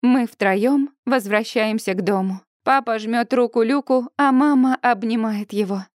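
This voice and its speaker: A woman with a fairly high voice reads a first-person audiobook aloud. Her delivery is lively and expressive. The recording is dry and close, with no room sound. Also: measured pace, no echo. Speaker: audiobook narrator.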